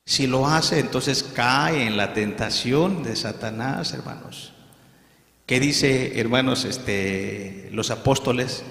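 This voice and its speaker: A man's voice: medium pitch, slow, creaky, a bit bright. A male minister preaching a sermon and acting out the voices in the scripture stories. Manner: preaching, acts out quoted voices of Satan and Jesus. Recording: echoey hall, long reverb.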